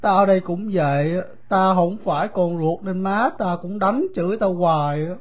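A woman with a Southern Vietnamese accent voicing a poor, gentle young boy who talks in a soft, plain, confiding way. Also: on the low side, normal speed, close to an everyday voice.

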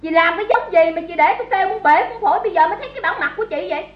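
An actress playing a harsh, domineering young woman of the house who scolds a servant in a bossy, shrill way, in an old radio drama. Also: expressive, rapid-fire. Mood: scolding. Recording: echoey, dull old radio recording.

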